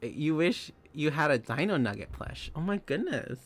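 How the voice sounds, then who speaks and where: A man's voice: on the high side, sing-song, moderate pace. A young man streaming live, chatting casually with viewers, giggling often and rambling through restarts.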